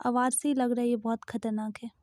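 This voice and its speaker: महिला की आवाज़ में डाँटता हुआ, अधीर दोस्त. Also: female voice, on the high side, little pitch movement, fast talker, a little mellow, no room sound, studio quality, natural voice. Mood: scolding. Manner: scolding, pushy. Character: bossy impatient young male friend. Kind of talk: Hindi fan-dub storytelling.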